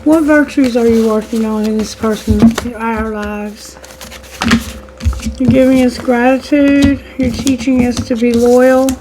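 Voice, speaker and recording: Her voice on the high side and steady, the tarot reader addresses her audience as a group at a measured pace, her words spiritual and prayerful though her voice sounds strained and fading. There's noise in the background on this channel reading.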